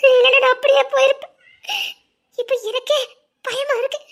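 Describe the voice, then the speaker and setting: Pregnant wife in a TV serial, betrayed, crying, very high-pitched voice, shouting accusations. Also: female voice, level tone, normal speed, gravelly. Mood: anguished. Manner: tearful, shouting, bitter laughs. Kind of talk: TV serial acting.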